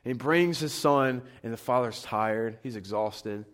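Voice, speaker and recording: A man's voice: mid-range voice, unhurried, fairly bright tone. A young man giving a casual, conversational Bible teaching in an earnest, encouraging way.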